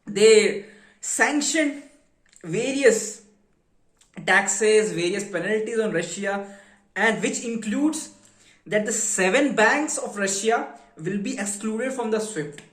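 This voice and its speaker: In a casual lecture explaining finance, a male educator with an Indian accent keeps asking questions emphatically, then answers them. His voice is high-pitched and slightly bright, heard in an echoey, roomy recording.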